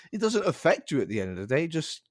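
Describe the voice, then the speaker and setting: A man's voice: on the high side, sing-song, a little fast, no echo, clean studio sound. A young man co-hosting a casual podcast, ranting in exasperation and restarting his sentences. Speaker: podcast co-host.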